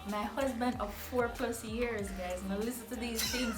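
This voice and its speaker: High-voiced Jamaican woman hosting, echoey. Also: fairly even intonation, moderate pace. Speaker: vlog host. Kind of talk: casual couple's quiz chat. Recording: echoey, distant mic, music behind.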